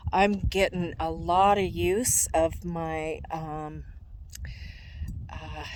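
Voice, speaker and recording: An older woman with a slightly low voice talks casually to her viewers, breathless from the high altitude. She speaks very slowly and haltingly, often searching for the next word. There is a faint noise on the recording. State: short of breath in thin high-altitude air. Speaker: vlogger. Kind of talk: casual rambling vlog chat.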